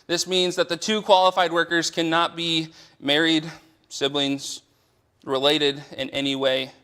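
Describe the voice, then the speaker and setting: Male presenter for a church training session, reading policy and adding casual explanations; bright, somewhat high voice. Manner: reads policy text, then explains it in casual asides. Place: church meeting room.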